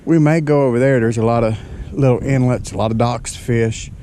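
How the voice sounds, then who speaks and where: A man's voice: mid-range voice, fairly even intonation, a little fast, dark tone, slight background noise. A man vlogging outdoors at a lake boat landing, out of breath, exasperated and self-deprecating, often calling on the Lord. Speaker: kayak fishing vlogger. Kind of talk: casual outdoor vlog.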